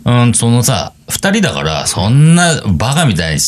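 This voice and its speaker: A middle-aged man co-hosting a podcast, telling a story in casual chat, with animated rises into quoted voices. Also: medium pitch, normal speed. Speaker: podcast co-host.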